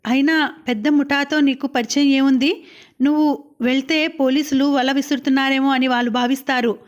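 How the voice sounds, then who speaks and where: A woman's voice: high voice, steady tone, normal speed, natural voice. A woman voicing a worried young woman warning her lover against his plan, in an audiobook. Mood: anxious. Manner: anxious and cautioning. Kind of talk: audiobook character reading.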